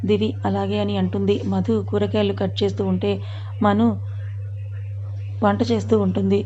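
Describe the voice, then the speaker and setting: A woman narrates a serialized story in a measured, steady way. Her voice is mellow and stays fairly flat in pitch. The recording sounds dull and lo-fi.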